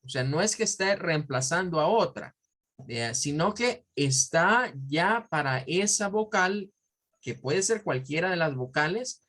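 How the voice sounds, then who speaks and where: Male teacher, Spanish speaker, unhurried pace, patient drill-style explanations with repeated words. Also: fairly high pitch, fairly bright tone. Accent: Central American Spanish. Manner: looks up words in an online dictionary as he talks. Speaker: English teacher. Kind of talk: online pronunciation lesson.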